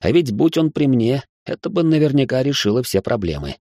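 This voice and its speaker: A man's voice: medium pitch, sing-song, a little fast, warm tone, no echo, clean studio sound. A man narrating a first-person fantasy audiobook in a wry, sardonic manner.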